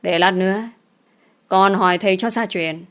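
A woman voicing a bold, sharp-tongued young village daughter in a storybook reading, blunt and cutting. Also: mid-range voice, fairly even intonation, normal speed, close to an everyday voice. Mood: firm.

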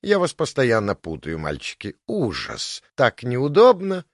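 A man voicing a scornful, sharp-tongued young woman in an audiobook, mocking and cutting. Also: mid-range voice, wildly swooping pitch, measured pace, no echo, studio quality.

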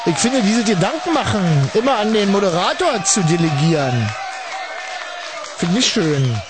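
A man's voice: high-pitched, sing-song, moderate pace, music in the background, a crowd in the background. A man hosting a late-night call-in radio show, rambling ironically and chatting with callers. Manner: rambling, ironic, addresses listeners as kids. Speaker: radio host.

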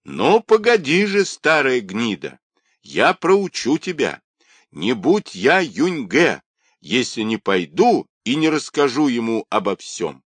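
A man's voice: on the low side, very animated, moderate pace, a bit bright, no room sound. A man voicing a cheeky, poor young boy who hustles for coins, talking brashly and defiantly. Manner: pleading, then brash and defiant.

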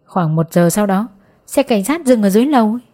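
A woman's voice: expressive, fast talker, mellow, lightly acted. A woman reading an audiobook, voicing a distraught middle-aged mother who pleads for her son through tears. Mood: rambling. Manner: sobbing, pleading, raised pitch. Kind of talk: audiobook character voice.

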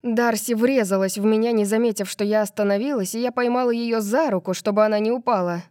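A woman narrating a first-person fantasy audiobook in a steady, measured way. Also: a little high, dry recording, studio quality.

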